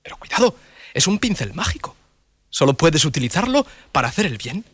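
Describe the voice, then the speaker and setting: Venerable old bearded sage, gentle and solemn, fairly high lively voice, as a storyteller puts him on. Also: male voice, fairly quick, husky, dry recording, heavily acted. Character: kindly venerable old man with long beard.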